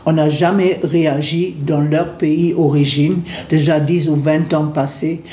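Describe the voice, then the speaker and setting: A man answering radio interview questions in a hesitant way, often pausing and searching for words. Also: fairly high pitch, level tone, mellow. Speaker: interview guest. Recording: roomy echo with faint background noise.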